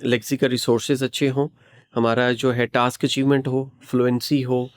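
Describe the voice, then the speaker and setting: A man's voice: medium pitch, flat delivery, normal speed. A man from Pakistan with a Pakistani accent, an IELTS teacher explaining patiently in an interview and repeating phrases for emphasis. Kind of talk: interview answers, mixing English phrases.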